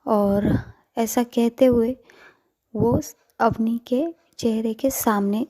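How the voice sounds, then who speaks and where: A woman storyteller narrating a romance in a soft, often half-whispered delivery. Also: medium pitch, slightly rough.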